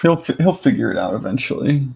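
A man's voice: mid-range voice, lively intonation, gravelly, a little mellow, breathy edge, dry recording, dull audio. A man chatting casually on a podcast, laughing and teasing the others. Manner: laughing, teasing, quick interjections. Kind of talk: casual chat.

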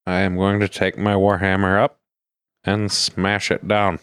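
A man's voice: low-pitched, monotone, measured pace, fairly bright tone, smooth, dry recording. A man talking casually as a player in a tabletop game.

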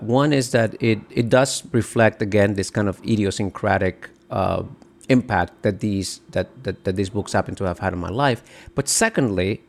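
This author and guest is a middle-aged man from the Dominican Republic whose lowish voice has some vocal fry. He responds to the interviewer in a considered, stop-and-start manner, frequently beginning his sentences again.

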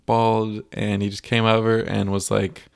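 A man with a gravelly, rough-edged voice chats casually as a podcast co-host. He drifts into long, rambling stories full of fillers. His voice sits fairly low. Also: little pitch movement, a little slow. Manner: rambling storyteller, many fillers. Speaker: podcast co-host and youth minister. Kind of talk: casual chat.

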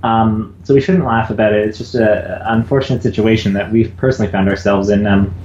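Guy on a choppy video call, dull lofi audio, roomy echo, mellow voice, earnest. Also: lowish voice, fairly even intonation, brisk, slight background noise. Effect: bad call connection, dull lo-fi audio. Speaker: podcast co-host. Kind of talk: casual chat over a video call.

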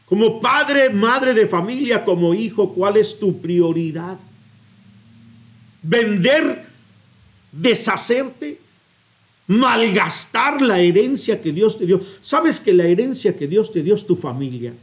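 Animated, high-voiced male preacher. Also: slow pace. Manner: expressive, storytelling, appeals directly to listeners. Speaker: priest.

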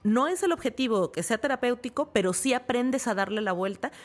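A woman with a Mexican accent, a guest in a casual interview, telling stories lively and acting out the voices she quotes. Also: on the high side, a little fast. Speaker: guest, actress and stand-up comedian.

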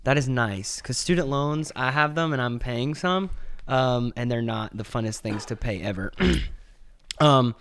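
A man's voice: medium pitch, measured pace, a bit bright, smooth. A man hosting a casual interview podcast, chatty and rambling with lots of fillers and restarts, from Georgia in the US. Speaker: podcast host.

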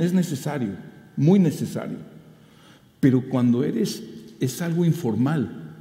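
A male pastor delivers a sermon in a mellow, warm voice. His delivery is animated, climbing to emphatic peaks before settling back. The sound is roomy, with a long hall reverb trailing his words. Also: mid-range voice. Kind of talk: preaching a sermon.

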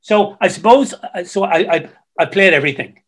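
Halting man telling stories. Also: high voice, animated. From Ireland. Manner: halting, repeats words, storytelling. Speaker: guest musician. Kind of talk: casual interview chat. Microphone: video call.

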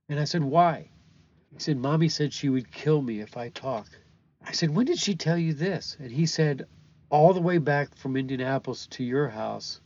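Gravelly older man telling his story. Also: mid-range voice, a little mellow, dull audio. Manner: halting, repeats words, earnest. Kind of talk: personal storytelling.

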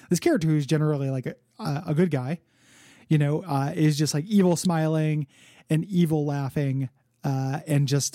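A man with a fairly high, very mellow voice chats casually as a comics podcast co-host. He drops wry, joking asides, and the recording is close and dry. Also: no echo. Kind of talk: casual comic book discussion.

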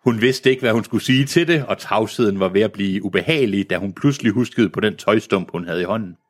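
A man reading a novel aloud in a casual way, stumbling now and then and breaking off with self-mocking asides. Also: lowish voice. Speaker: reader.

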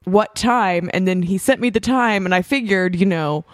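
A woman's voice: on the low side, a little fast, no room sound, studio quality. A hungover woman chatting casually as a podcast co-host, telling stories in a candid way. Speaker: podcast co-host and amateur comic. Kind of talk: casual chat.

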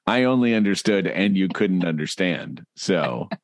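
A man with a very low voice that still swings widely in pitch, co-hosting a podcast with dry, joking banter. The sound is close and dry, with no room around it. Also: very animated, a little slow, dry recording. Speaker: podcast co-host. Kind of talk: casual comedic chat.

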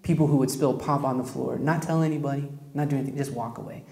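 A man delivers a sermon as pastor, talking fast in a creaky, darkish medium-pitched voice with fairly even intonation. Conversational and story-driven, he speaks right to the congregation in a room with a roomy echo.

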